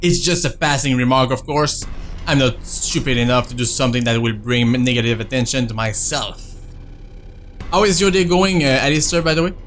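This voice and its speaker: Male streamer, mid pitch, reading game text, chatty asides. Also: moderate pace, a bit bright, slight background noise. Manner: reads narration, breaks off to answer chat. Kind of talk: reading a visual novel aloud with casual chat.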